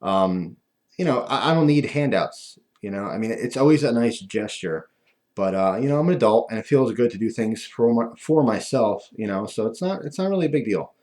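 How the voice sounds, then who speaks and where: A man talking casually and ramblingly to viewers, with a lispy voice from missing front teeth that softens his F and V sounds. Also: mid-range voice, expressive, normal speed. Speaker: video host.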